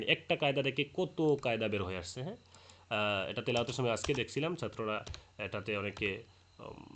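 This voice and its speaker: A man giving a Quran recitation lesson, explaining rules patiently, repeating his points and chanting verses slowly as examples. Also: mid-range voice, fairly bright tone. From Bangladesh.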